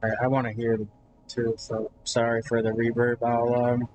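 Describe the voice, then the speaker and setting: A man's voice: medium pitch, completely flat delivery, normal speed, music in the background. A man streaming a game and chatting loosely to his viewers, his mic swamped in heavy reverb. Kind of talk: casual chat over gameplay. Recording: echoey, distant mic.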